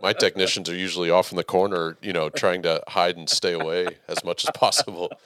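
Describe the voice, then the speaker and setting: A man hosting a casual interview, talking in a measured, even way that he calls monotone himself. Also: deep voice, no echo, studio quality. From Texas. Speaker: podcast host, theater educator.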